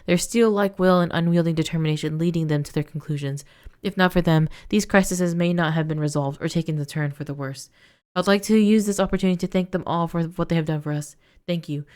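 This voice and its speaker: A woman's voice: fairly low pitch, a little fast, darkish tone. A woman playing a story game who reads its text aloud and breaks off into emotional, gushing reactions. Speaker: let's play streamer.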